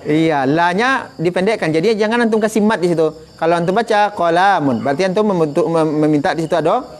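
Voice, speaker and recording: Male teacher, patient, corrects students' pronunciation; slightly high-pitched. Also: fast talker. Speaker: Arabic teacher. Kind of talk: online Arabic class.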